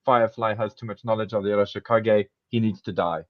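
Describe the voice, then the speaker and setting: This casual podcast conversation features a South African host who rambles and self-corrects, often laughing, at a quick pace with fairly even intonation and an ordinary pitch. His recording is very dry, slightly muffled, and free of room sound.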